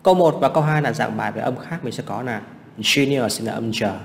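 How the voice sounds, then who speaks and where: A man's voice: mid-range voice, fast talker, vocal fry, long reverb tail, slight background noise. A man teaching English exam practice, explaining answers step by step and asking rhetorical questions.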